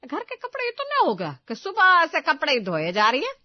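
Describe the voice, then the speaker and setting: Woman doing a loud scolding older mother-in-law. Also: medium pitch, sing-song, a little fast, dull audio. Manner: loud, sharp, taunting.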